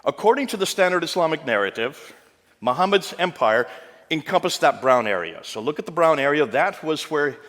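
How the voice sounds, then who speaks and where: A man's voice: a little high, sing-song, brisk, fairly bright tone. A man giving an emphatic public lecture to a live audience, punching and repeating his key phrases. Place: large hall with an audience. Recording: long hall reverb.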